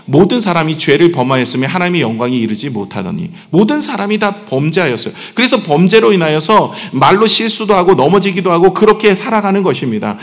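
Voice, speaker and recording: A man's voice: on the high side, very animated, quick pace, hardly any pauses. A middle-aged man, the senior pastor, preaching a sermon in a conversational way, asking the congregation questions and joking about himself. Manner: conversational preaching, asks the congregation questions, self-deprecating humor. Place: church sanctuary. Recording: long church hall reverb.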